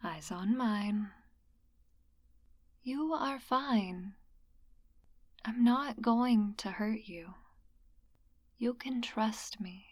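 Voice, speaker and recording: A woman performing an ASMR role-play as a teasing, gently dominant young hypnotist classmate, speaking in a mesmerizing, coaxing way. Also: fairly high pitch, extremely slow, pauses often, no echo, studio quality. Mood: mesmerizing, possessive.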